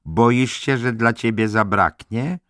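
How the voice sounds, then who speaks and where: A man voicing a giggly, tipsy young woman with squealing, drawn-out exclamations. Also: medium pitch, a bit bright, clean tone, dry recording, studio quality, pitched above the performer's own voice.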